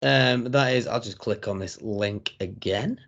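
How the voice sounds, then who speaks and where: A man co-hosting a casual wrestling review, setting up jokes in a slow, deadpan way. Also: fairly low pitch, gravelly, muffled recording. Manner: slow, jokey, deadpan setups. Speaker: podcast co-host.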